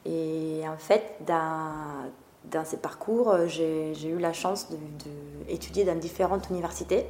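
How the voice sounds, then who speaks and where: A woman's voice: deep voice, fairly even intonation, unhurried, dark tone. A young woman from northeast Italy, chatting in an interview with frequent fillers and laughs. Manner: hesitant, many fillers, laughs often. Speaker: guest, café co-owner. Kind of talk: casual interview chat. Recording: roomy sound with faint noise.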